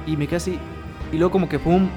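A man's voice: on the high side, fairly even intonation, very fast, music in the background. Slangy Mexican man telling a wild story. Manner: vivid storyteller who acts out quotes and sounds. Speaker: co-host telling a party story. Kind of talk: casual chat.

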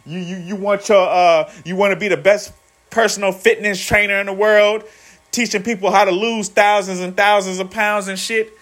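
A man's voice: high-pitched, flat delivery, normal speed, fairly bright tone. A man in his thirties, rambling through a profane motivational vlog and calling his viewers "guys". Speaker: vlogger. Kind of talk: casual motivational monologue.

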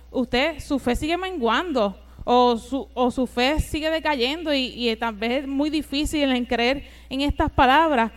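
High, smooth-voiced woman preaching fervently. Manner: fervent, rising to emphatic repeated declarations; stretches key phrases slowly for emphasis. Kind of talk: sermon.

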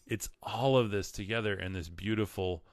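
A man from West Texas, United States, with a twang and a voice on the low side, hosts a livestream at a moderate pace in a dry recording. He's earnest and emphatic and often repeats words for emphasis. It's a casual monologue where he reads out comments and quotes.

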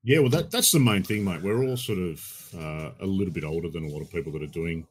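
A man's voice: sits low, expressive, quick pace, slight background noise. A middle-aged Australian man chatting casually as a podcast guest in a laid-back, blokey, matey way. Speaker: podcast guest and gaming podcast host. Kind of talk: casual chat.

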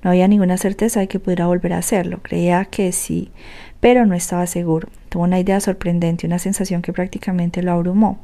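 A woman narrating an audiobook in a steady, measured way. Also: fairly low pitch. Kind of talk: scripted narration.

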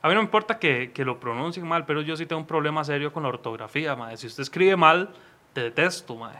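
Blunt Costa Rican man with a bright voice. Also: on the high side, expressive, fast. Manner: blunt, swears freely while ranting. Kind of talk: casual comedic chat.

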